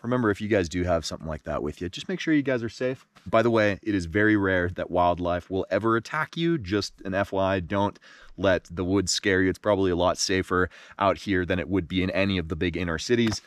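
A man in his thirties filming a solo fishing vlog at a lakeshore at night, chatting to the camera with easy excitement. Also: sits low, fairly quick, dry recording, recorded from a distance. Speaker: fishing vlogger. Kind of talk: casual solo outdoor vlog. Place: dark forest lakeshore at night, outdoors.

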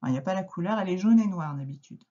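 A woman teacher with a French accent, gently guiding a young child through a phonics lesson, encouraging and repeating words slowly. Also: lowish voice, lively intonation, highs cut off. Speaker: primary school teacher.

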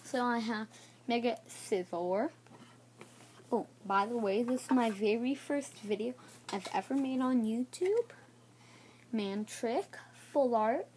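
Casual woman vlogger, slow and hesitant, slightly high voice, faint room hum behind. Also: darkish tone. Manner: halting, unsure naming of items. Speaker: card showcase vlogger. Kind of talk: casual card showcase.

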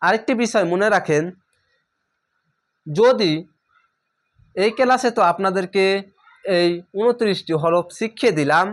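A man's voice: high-pitched, fairly bright tone. A man teaching a recorded beginner reading lesson, patiently repeating instructions and sounding out letters one at a time while checking in with his learners. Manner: speaks directly to learners with check-in questions.

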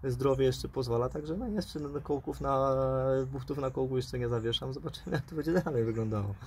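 A man in his forties, a football coach, interviewed outdoors by the pitch, talking fast and hedging with repeated fillers. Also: a crowd in the background. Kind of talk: post-match interview. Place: outdoors by a pitch, under a dugout shelter.

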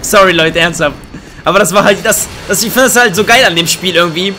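A young man doing excitable, joking let's play commentary on a headset mic, with bursts of high laughter. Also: fast, music in the background. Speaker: gaming YouTuber. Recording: faint game gunfire behind.

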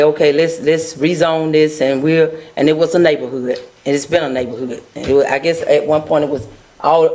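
A woman's voice: low-pitched, a little mellow. A middle-aged woman council member, speaking earnestly at a council meeting into a desk microphone, with frequent restarts. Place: council chamber at a dais.

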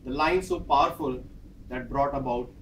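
A Hindi-speaking man in his thirties from northern India, with an Indian English accent, delivers an animated prepared personal speech with storytelling at a club meeting, acting out dialogue while pacing a large office training room. His mid-range voice moves at a moderate pace, captured by a far camera in an echoey room with slight background noise.

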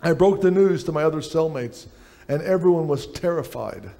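A man's voice: on the high side, animated, normal speed, creaky, warm tone. A middle-aged man preaching a sermon on a church stage, reading aloud from a book at a lectern.

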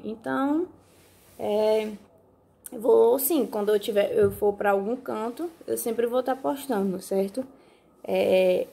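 A woman's voice: on the high side, gravelly, darkish tone, husky. A woman, chatting casually to her viewers on a phone video, often checking in with them and repeating herself. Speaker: vlogger. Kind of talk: casual vlog talk to viewers. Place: countryside home.

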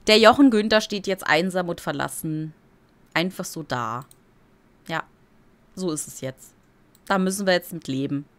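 A woman's voice: on the low side, moderate pace, pauses often. A woman giving casual gameplay commentary as a let's play streamer, chatty and giggly and playfully silly.

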